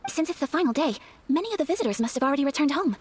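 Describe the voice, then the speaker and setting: A woman playing a refined, earnest young noblewoman in a video game, speaking politely and formally in a gentle, hesitant way. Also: high voice, expressive, very fast. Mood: gentle, hopeful. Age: young adult. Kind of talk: video game character acting. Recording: faint music behind the voice.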